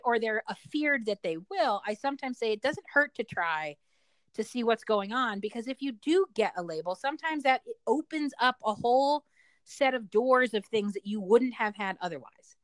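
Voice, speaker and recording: A woman's voice: a little high, animated, moderate pace, dry recording. A middle-aged woman telling personal stories as a parent in an interview, talkative and explanatory, repeating words for emphasis. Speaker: parent interviewed about their child. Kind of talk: personal storytelling in conversation.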